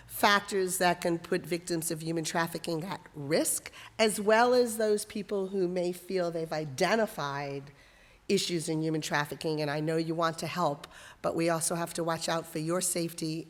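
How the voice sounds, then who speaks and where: A woman with a hoarse voice gives an informal, conversational training talk to a group as guest speaker. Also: fairly low pitch. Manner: conversational, with asides. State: hoarse from a passing cough. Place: church hall. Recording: echoey hall, long reverb.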